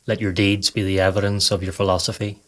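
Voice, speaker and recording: A podcast host and meditation guide with a lowish voice narrates a scripted guided meditation. He speaks in a calm, measured, instructive way.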